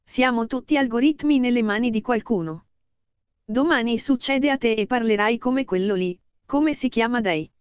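A woman voicing a female robot radio co-host, with a robotic, nasal voice and a flat, mechanical delivery. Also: fairly high pitch, moderate pace, clean tone, no room sound, dull audio. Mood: deadpan. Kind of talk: comic radio banter.

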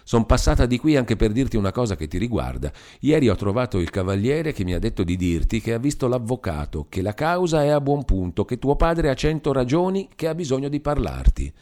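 A man's voice: fairly quick, hardly any pauses, lightly acted. A man reading an audiobook, voicing a bold, fiery young wife in a raised, scornful tone. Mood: eager. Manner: lively, scornful, raised pitch. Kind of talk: audiobook character voice.

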